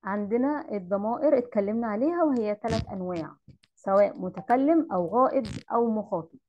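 Speaking at a medium pitch, fast and expressive, a woman teaching Arabic with an Egyptian accent runs an online class. The computer mic makes the recording muffled. She repeats the rules patiently and puts questions to her pupils.

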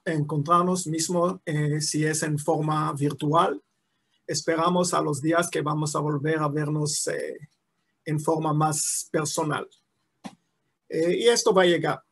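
A man in his seventies from Israel, giving an online lecture over a video call, pausing often with drawn-out fillers and restarting phrases. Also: a little high. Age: 70s. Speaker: guest lecturer. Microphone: video call mic.

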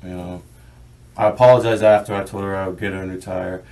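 A young American man giving a halting account in a police interview, with short answers. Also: low voice, steady tone, dark tone. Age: young adult. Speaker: suspect being questioned by police. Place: small bare interview room, indoors. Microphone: distant room camera. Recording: distant surveillance microphone in interview room.

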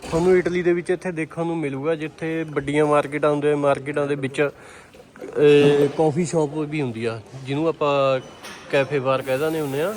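A man's voice: a little high, steady tone, a little fast, a little mellow. A man with a Punjabi accent vlogging casually and joking heartily with his friends as he shops. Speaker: vlogger and cameraman. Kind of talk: casual shopping vlog chat.

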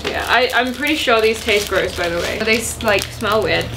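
A woman's voice: medium pitch, moderate pace, over music, rough recording. A woman in her twenties in casual chat as a guest in a challenge video. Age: 20s. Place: small wood-panelled room at home.

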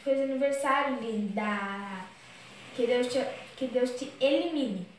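A chatty young woman with a slightly high voice vlogs from her bedroom, exclaiming often as she talks. The room is very echoey and she sits back from the mic, with a faint hiss underneath. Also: takes it slowly, distant mic. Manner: chatty, exclaims a lot, keeps saying "galera". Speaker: vlogger. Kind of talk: casual vlog, reading out messages.

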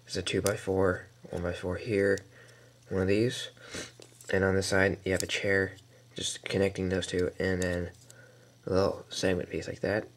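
This deep-voiced man makes toy building tutorials, explaining a build casually and step by step while seated at an indoor table. He sounds relaxed, stopping and starting often, with plenty of fillers and mild muttering.

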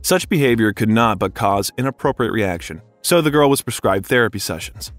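A man narrating a scripted biography documentary, reading smoothly with a steady, even delivery. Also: on the low side, brisk, no echo, soft background music.

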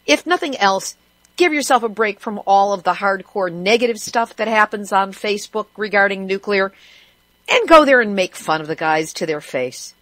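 A woman's voice: mid-range voice, lively intonation, normal speed, fairly bright tone, dry recording. A woman hosting a radio show who reads news items and adds sarcastic, wry asides. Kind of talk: news commentary.

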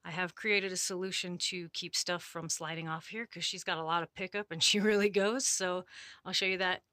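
A woman's voice: on the low side, steady tone, normal speed, sharp tone, no echo, clean studio sound. A woman in her thirties giving a casual, explanatory video tour inside a small RV trailer. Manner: informal, explanatory.

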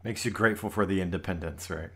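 Deep-voiced American man, wry. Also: fast talker, gravelly, bright, forceful tone, a little hiss or hum. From United States. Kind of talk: casual podcast discussion.

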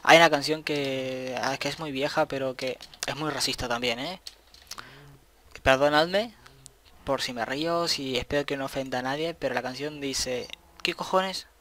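Bright-voiced excitable male gamer. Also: mid-range voice, normal speed, slight background noise. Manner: chatty, excitable, thinks aloud. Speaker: gameplay commentator. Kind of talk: casual let's-play commentary.

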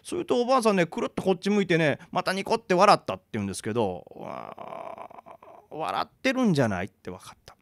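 Man, ghost-story narrator, high-pitched, animated, suspenseful, dry sound. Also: no room sound. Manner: dramatic, suspenseful narration with pauses.

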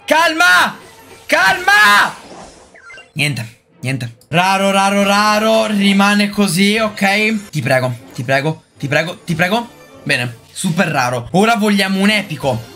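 A man giving excited gameplay commentary as a gaming youtuber, swinging between low mutters and sudden shouts. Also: unhurried, faint music behind.

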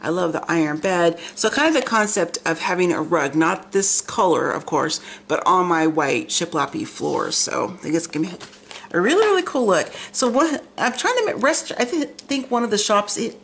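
Low-voiced chatty woman with numb-mouthed articulation. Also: animated, moderate pace, fairly bright tone. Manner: slightly effortful articulation from a numb half of the face, like numb from the dentist. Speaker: vlog host. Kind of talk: chatty magazine flip-through. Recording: clear background noise, room ambience.

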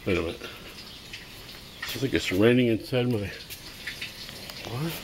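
A middle-aged toy customizer with a medium-pitched voice films a casual show-and-tell vlog by hand, first-person, in his cluttered home workshop and garage. He rambles, halts for asides and seems amused with himself. The home camera audio is noisy.

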